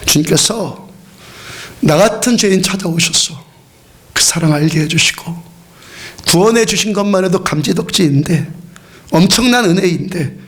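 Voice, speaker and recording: High-voiced Korean pastor preaching fervently. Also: male voice, moderate pace, pauses often. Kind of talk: sermon.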